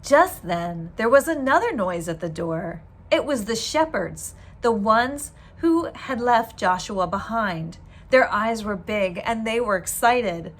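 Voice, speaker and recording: Here a woman teacher reads a kids' storybook to listeners in a measured, expressive narrating style. Her voice falls in the middle range.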